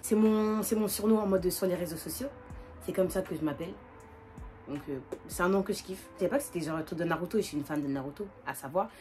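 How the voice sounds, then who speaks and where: A woman in her twenties with a northern French accent, chatting casually and quickly as a vlogger while doing her makeup, with lots of fillers and restarts. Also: lowish voice, soft background music. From northern France. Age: 20s. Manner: fast, animated, many fillers and restarts.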